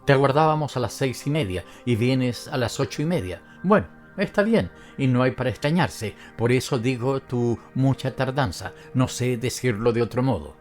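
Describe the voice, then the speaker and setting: A mild, long-suffering husband answers in quiet, restrained tones, read by the male narrator. His delivery is apologetic and even, with faint music under the audiobook. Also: mid-range voice, normal speed, few pauses, lightly acted. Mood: meek. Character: meek, calm, mild-mannered husband. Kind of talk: audiobook character reading.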